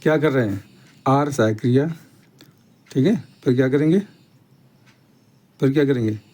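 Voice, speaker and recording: Slow, mellow male teacher. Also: mid-range voice. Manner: slow, repetitive explaining with frequent "theek hai" check-ins. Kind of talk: step-by-step grammar lesson.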